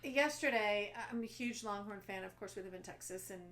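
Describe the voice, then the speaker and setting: A woman's voice: medium pitch, a little fast, fairly bright tone, slight background noise. Laid-back woman chatting on a craft podcast, laughs a lot. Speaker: podcast co-host. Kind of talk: casual chat. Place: lives in Texas.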